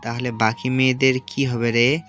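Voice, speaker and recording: A woman's voice: a bass voice, level tone, moderate pace, a bit bright, soft background music, pitched below the performer's own voice. A woman voicing a young male mafia boss who talks bluntly and teasingly in an audio story.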